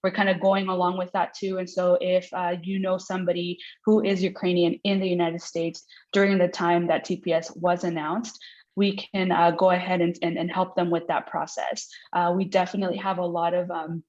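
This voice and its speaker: Over a dull, lo-fi video call line comes a lowish woman's voice, presenting on a webinar. She talks with excitement and restarts her sentences often, filling the pauses with ums and uhs. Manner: excited talker, many fillers and restarts. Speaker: legal director of an immigrant aid center.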